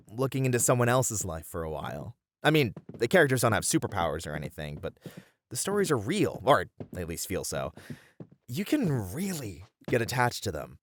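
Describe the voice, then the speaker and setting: In a one-sided ASMR roleplay, a man with a lowish voice plays a friendly, bashful bunny man, a bookish regular at a manga cafe, who chats helpfully to the listener. He sounds enthusiastic and playful but gets flustered easily, breaking into chuckles and hesitations. A little hiss or hum can be heard.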